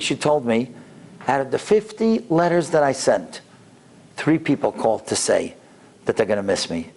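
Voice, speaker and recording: A man's voice: medium pitch, darkish tone. A man giving an anecdotal, inspirational religious lecture as a rabbi, acting out dialogue and repeating words for emphasis.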